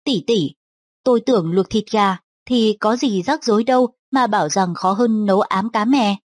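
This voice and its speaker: A woman's voice: medium pitch, moderate pace, a little mellow, no room sound, lightly acted. A woman reading the lines of a thoughtful, eloquent young nobleman in a storybook. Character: young nobleman, curious and sure of himself.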